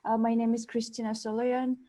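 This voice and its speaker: A woman's voice: fairly high pitch, little pitch movement, fairly quick, warm tone, low-quality recording. A woman from Armenia speaking as a panelist, explaining things carefully and searching for words. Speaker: panelist, conflict-transformation worker. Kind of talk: panel discussion.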